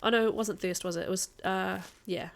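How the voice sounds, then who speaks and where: Casting: female game streamer with a light New Zealand accent, medium pitch, informal and talkative livestream delivery. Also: steady tone, brisk, creaky. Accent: mild New Zealand. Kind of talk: casual livestream chat over gameplay.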